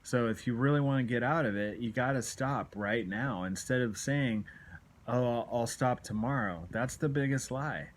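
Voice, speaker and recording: Recording on a phone at arm's length in a small home room, a man in his late forties who makes self-help videos speaks at a moderate pace in a mid-range voice. He's candid and confessional, urging viewers on and restating his points for emphasis.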